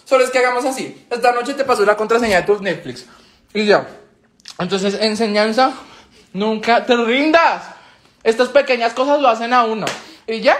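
Gushing young Colombian man streaming live. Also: very high voice. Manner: theatrical, gushing, swears freely. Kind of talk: casual live stream chat.

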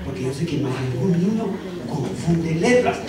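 Animated Guatemalan man lecturing in an echoey hall. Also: fairly high pitch, moderate pace, a crowd in the background. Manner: animated, addresses the audience as colleagues. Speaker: teacher trainer. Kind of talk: workshop lecture. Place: large hall. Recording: echoey hall from far off, noisy.

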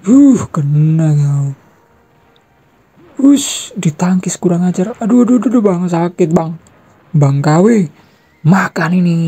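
Young adult, gameplay commentary, shouted fight noises, trash talk, mellow dark tone. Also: mid-range voice, slightly rough.

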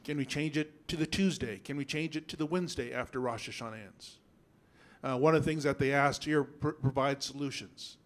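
A man in his thirties from a reservation in Washington, giving halting, earnest remarks at a school board meeting on a handheld mic, his voice nervous and shaky. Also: medium pitch. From Yakama Reservation, Washington. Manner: halting, earnest, clears throat often. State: nervous, voice shaking. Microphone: handheld microphone.

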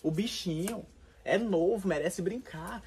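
A man's voice: high voice, a little slow, gravelly, darkish tone, breathy edge, full character voice. A man playing an indignant, generous aunt. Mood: pleased. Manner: indignant, lecturing. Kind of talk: comedic sketch acting.

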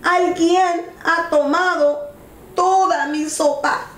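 A woman's voice: extremely high pitch, steady tone, slow, fairly bright tone, pitched above the performer's own voice, full character voice. A woman doing a weepy little baby bear. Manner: crying, whiny. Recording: echoey room.

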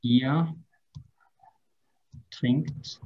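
A man teaching an online language lesson, drilling verb forms slowly and carefully. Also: medium pitch, fairly even intonation, warm tone, dull audio. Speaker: German teacher.

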